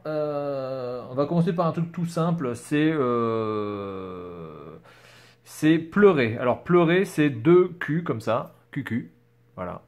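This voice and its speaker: A man's voice: a little high, darkish tone. A man casually explaining things on camera, hesitant and full of fillers, writing as he talks. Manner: hesitant, many fillers and "voilà". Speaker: vlogger.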